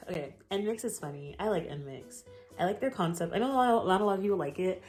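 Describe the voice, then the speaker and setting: In a casual vlog, a young woman from the US talks fast and expressively in a voice on the lower side, a little mellow. Faint music sits in the background as she rambles on, gushing, giggling and using lots of fillers.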